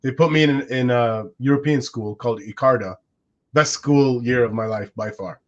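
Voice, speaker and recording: A medium-pitched man speaks at a moderate pace as co-host of a casual podcast, musing aloud with frequent restarts. He is in his forties and a native Arabic speaker. Dull lo-fi recording.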